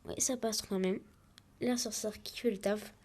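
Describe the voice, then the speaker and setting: Casual woman gamer, talks through each move live, mid-pitched, easygoing let's-play energy. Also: steady tone, normal speed, a little mellow. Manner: chatty, narrates each move as it happens. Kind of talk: live gameplay commentary.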